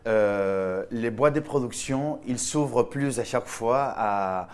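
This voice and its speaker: A Spanish man in his thirties speaking French with a Spanish accent, answering interview questions as a guest actor, animated and restarting phrases. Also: medium pitch, slow, clear, resonant tone. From Spain.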